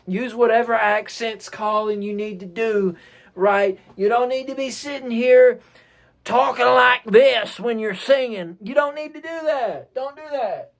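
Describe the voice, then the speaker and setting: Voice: medium pitch, moderate pace. A music teacher giving a casual lesson, explaining at an easy pace and often checking in with "right?" while restarting phrases. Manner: relaxed, keeps checking with "right?".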